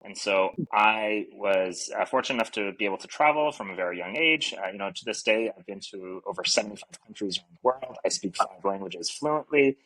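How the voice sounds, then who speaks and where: This middle-aged Canadian, native in French, speaks fairly quickly with hardly any pauses in a lowish, animated, slightly bright voice. Earnest and reflective, he fills his casual interview talk as a podcast guest with fillers, recorded on a podcast mic at low quality.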